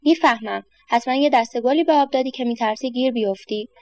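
A woman's voice: on the high side, darkish tone, natural voice. A woman voicing a kindly grown man with a walking stick who questions a boy and then encourages him.

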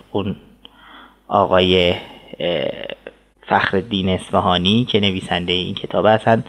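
A man speaks as a guest scholar. His voice is fairly low, and he explains things in a formal, deliberate way. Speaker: guest scholar of Persian literature.

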